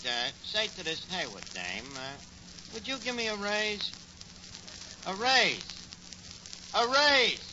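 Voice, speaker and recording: A male sitcom lead in 1940s radio comedy plays a scheming, wisecracking tavern manager prone to malaprops, speaking with a New York accent in slangy, mock-grand language. His voice is high. The recording is noisy and dull, typical of 1940s radio.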